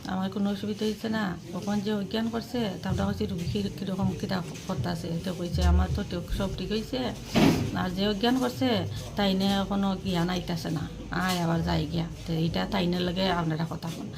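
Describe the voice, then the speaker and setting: A woman, speaking agitatedly and loudly to a reporter outdoors in regional dialect. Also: medium pitch, steady tone, brisk, vocal fry, a loud crowd. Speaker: relative of the patient. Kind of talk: interview on the spot. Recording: noisy outdoor recording.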